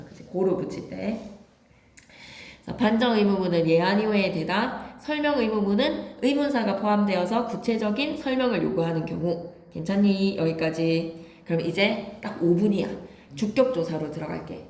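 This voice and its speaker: A woman's voice: medium pitch, darkish tone. Emphatic woman teacher in echoey classroom. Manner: emphatic, quizzes students with questions. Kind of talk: classroom grammar lecture.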